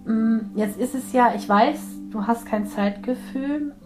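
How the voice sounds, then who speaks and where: Slow, soothing woman spiritual medium. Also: a little high, music in the background, low-quality recording. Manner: soft, soothing, gently addressing a soul. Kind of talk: guided spiritual healing session.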